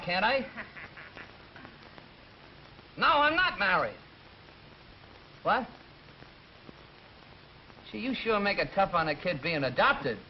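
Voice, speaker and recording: An actor playing a brash, quarrelsome navy chief gunner's mate in an old film. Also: male voice, high-pitched. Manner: brash, argumentative. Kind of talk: 1940s film acting. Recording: dull old film soundtrack with hiss.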